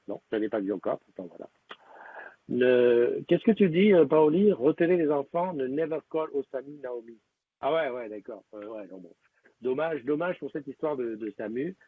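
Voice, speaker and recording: Husky man chatting on a tinny stream. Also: medium pitch. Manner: rambling, with many fillers and restarts. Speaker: live-stream host. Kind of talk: casual live-stream chat with viewers. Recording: tinny, lo-fi phone-like sound.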